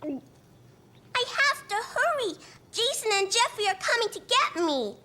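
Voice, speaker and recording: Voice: extremely high pitch, sing-song, unhurried, sharp tone, full character voice. An actor voicing a cheerful, impatient four-year-old boy in a cartoon. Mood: hurried. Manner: childlike, whiny when upset.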